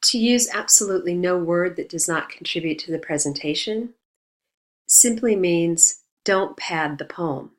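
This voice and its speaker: A woman lectures on poetry in a steady, explanatory manner. Her voice sits a little low, and she reads passages aloud before unpacking them point by point. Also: measured pace. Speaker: teacher.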